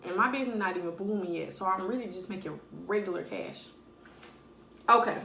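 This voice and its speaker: Animated young woman, echoey room. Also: fairly high pitch. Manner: blunt, animated storytelling with slang. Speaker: vlogger. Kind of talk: casual mukbang monologue.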